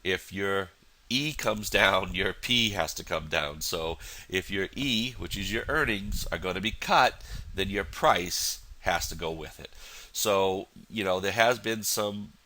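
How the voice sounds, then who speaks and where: Low-voiced man with a stuffy nose. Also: unhurried, sharp tone. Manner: rambling, many fillers and restarts. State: has a cold, nasal voice. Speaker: futures trader. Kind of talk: casual market analysis walkthrough.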